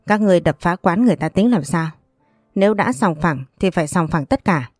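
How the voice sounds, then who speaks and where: A woman's voice: lowish voice, expressive, fairly quick, a little mellow, no echo, clean studio sound, soft background music. A woman voicing a firm, reproachful older man who is the family elder in a read-aloud story.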